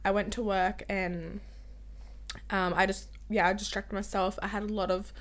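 A young woman chats casually as a podcast co-host at an ordinary mid pitch. Her voice is a bit off from a recovering sore throat and doesn't get very loud. She talks in an informal, rambling, giggly way. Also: level tone, normal speed. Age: young adult. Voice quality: slightly off voice from sore throat, limited volume. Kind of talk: casual chat.

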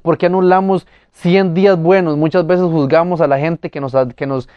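A man's voice: fairly high pitch, steady tone, normal speed, smooth, no room sound, muffled recording. A man preaching a motivational sermon, talking earnestly and with emphasis, speaking straight to his listeners.

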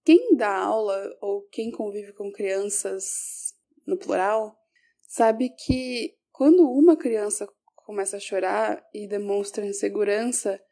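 A woman's voice: medium pitch, creaky, mellow. A woman, a teacher, telling a personal story in a reflective way, often correcting herself mid-sentence.

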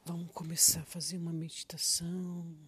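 A meditation guide with a Brazilian accent offers gentle, soothing instructions in a breathy near-whisper, with long pauses between prompts. The mid-range voice shows little pitch movement, and there's a little hiss or hum.

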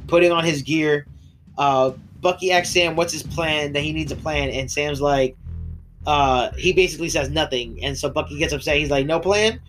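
A man's voice: on the high side, fairly even intonation, normal speed, fairly bright tone, faint music behind. A man co-hosting a casual podcast, retelling a show's episode in a rambling way with laughs and restarts, his voice breaking and coughing now and then. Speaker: podcast co-host. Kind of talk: casual recap chat.

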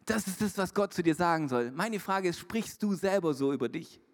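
A man's voice: sits high, animated, a little fast. A man preaching a sermon as a pastor, emphatic and repetitive, with English words dropped into his talk. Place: church hall. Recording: reverberant church hall.

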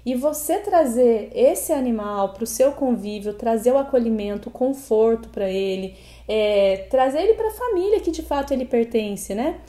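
A woman's voice: on the high side, expressive, normal speed, few pauses, mellow. A Brazilian woman co-hosting a podcast in a conversational, earnest and reflective way, choosing her words as she goes. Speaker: podcast co-host, animal protection advocate. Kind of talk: conversational pet podcast talk. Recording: roomy, echoing voice recording.

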